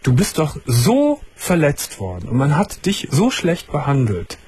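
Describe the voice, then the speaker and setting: A man's voice: fairly high pitch, a little slow, slight background noise. A man hosting a late-night radio call-in show, asking a caller probing questions and cutting in firmly to make his point. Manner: probing, interrupts firmly, steady agreeing murmurs. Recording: radio broadcast studio mic.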